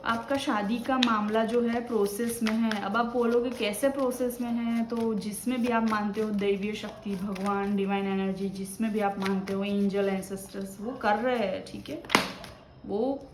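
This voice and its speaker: A woman's voice: mid-range voice, steady tone, a little slow, roomy sound, noisy background. Chatty woman giving a tarot reading. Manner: chatty and advising, often tagging "ठीक है ना". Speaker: tarot reader. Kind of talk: casual spoken tarot reading.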